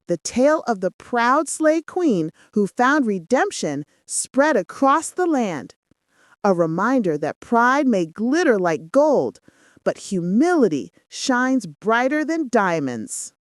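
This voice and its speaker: A woman's voice: fairly high pitch, dry recording, clean studio sound. A woman narrating a folktale in a scripted, dramatic storytelling style. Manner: dramatic, swooping delivery.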